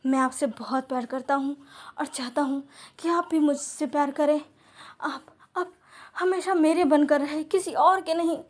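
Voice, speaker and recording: A woman's voice: high-pitched, steady tone, normal speed, close to an everyday voice. Woman voicing an obsessive, pleading young lover. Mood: desperate, pleading. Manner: pleading, stammering repetitions.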